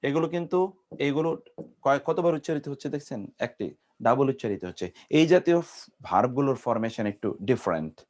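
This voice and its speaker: A man's voice: medium pitch, animated, quick pace, a little mellow. A man with a Bangladeshi accent teaching an Arabic grammar class. He spells out verb forms syllable by syllable and quizzes his students. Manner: drills conjugations, syllable by syllable, with quiz questions to the class. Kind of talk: classroom lecture.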